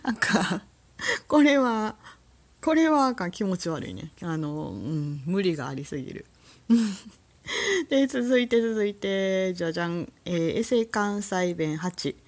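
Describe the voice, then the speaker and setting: Animated Kansai woman, casual solo talk. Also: medium pitch, a little slow. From Kansai, Japan. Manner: relaxed and rambling, often laughing. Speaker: solo podcast host.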